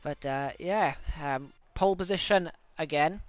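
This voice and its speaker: Slightly high and a bit slow, this gaming video host's voice is clear and resonant, recorded with no room sound. He's a young Welshman fighting off an oncoming cold, rambling through racing laps in chatty gameplay commentary, correcting himself and dropping plenty of fillers.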